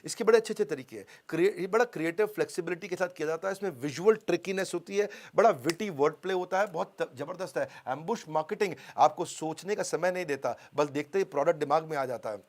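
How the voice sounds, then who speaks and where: A man's voice: on the high side, expressive, fast, hardly any pauses. A man giving a motivational business seminar, emphatic, repeating key phrases and having the audience finish his lines. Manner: call-and-response, has the audience finish lines. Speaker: business coach.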